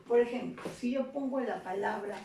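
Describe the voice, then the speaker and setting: A woman's voice: fairly high pitch, normal speed, dark tone, distant mic. A woman gives a lesson as a teacher. She explains step by step and often checks in with tag questions. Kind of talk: recorded classroom lesson. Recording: echoey room, voice off-mic, faint noise.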